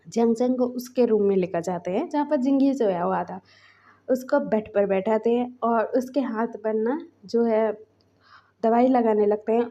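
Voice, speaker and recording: Brief: woman storyteller, casual chatty narration, high mellow voice, slightly muffled recording. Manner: chatty, rambling retelling. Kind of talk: casual fan fiction narration.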